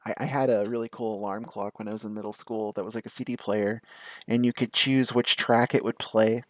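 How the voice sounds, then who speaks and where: A young man talking casually to the camera, telling funny stories with quick asides and frequent laughs. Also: lowish voice, fairly even intonation, dry recording. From American South. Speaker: vlogger.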